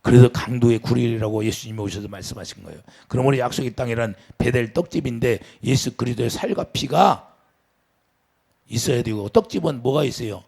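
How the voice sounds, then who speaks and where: A man preaching a sermon as pastor, asking the congregation questions and swinging from loud to quiet. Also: medium pitch, a little fast, gravelly, breathy edge. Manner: preaching with sudden rises and drops, asks the congregation questions.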